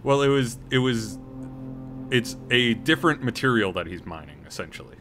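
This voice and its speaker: A man's voice: medium pitch, lively intonation, moderate pace. A man giving casual commentary while playing a video game. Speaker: game streamer. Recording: game music behind the voice.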